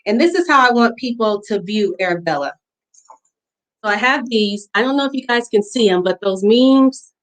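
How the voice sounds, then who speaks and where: A woman gives an earnest, heartfelt pitch for her salon business. Her voice sits a little high, and she speaks with sincere feeling. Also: rough recording. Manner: earnest and emotional, fighting back tears at times. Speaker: business pitch contestant, hair stylist. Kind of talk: virtual business pitch presentation.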